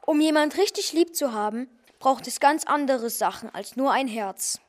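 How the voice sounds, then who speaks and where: A woman's voice: high-pitched, animated, normal speed. A woman voicing a kindly man who poses as a wizard in a children's audio story, explaining things patiently and chattily.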